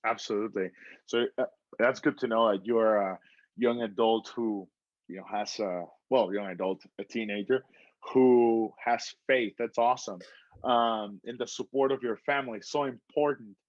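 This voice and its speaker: A man's voice: on the low side, fairly even intonation, moderate pace, no echo. Man, interview host, long winding questions, dry room, lo-fi. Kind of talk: casual interview. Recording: slightly dull, dry lo-fi sound.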